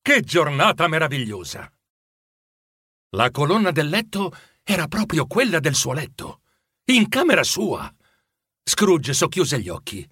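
A man narrating a children's storybook in an expressive, animated way. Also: on the high side, unhurried, slightly rough, no echo, studio quality. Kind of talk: storybook reading.

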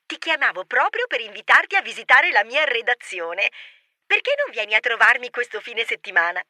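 A woman's voice: a little high, expressive, a little fast, bright, forceful tone, dry recording, studio quality. A woman voicing a cheerful, melodious female mouse newspaper editor in an audiobook, with a lilting, sing-song manner. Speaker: audiobook voice actor.

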